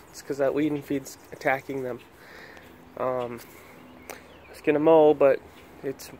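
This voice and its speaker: A man's voice: on the high side, darkish tone, slight background noise. A man casually explaining his deck repairs while walking around his yard outdoors, rambling with plenty of ums and restarts. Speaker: homeowner vlogger. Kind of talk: casual walkthrough vlog. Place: backyard outdoors.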